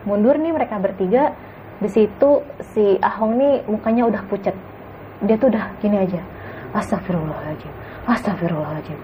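A woman casually recounting a frightening night hike as a guest, in a hushed, suspenseful way, acting out what people said. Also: mid-range voice, normal speed, background noise. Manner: hushed, suspenseful retelling with acted quotes. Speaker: guest storyteller. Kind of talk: casual story of a spooky hike.

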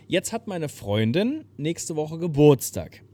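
Animated young man telling a story. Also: on the high side, slow. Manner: animated, bursts into loud shouted impressions. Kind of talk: casual storytelling chat.

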